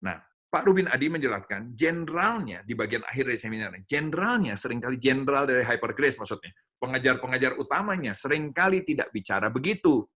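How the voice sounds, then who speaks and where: A middle-aged man teaching a church audience in a sermon style, animated and addressing listeners directly. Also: mid-range voice, fast talker. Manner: animated, addresses listeners as "saudara", acts out dialogue with his child. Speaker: speaker at a church teaching event.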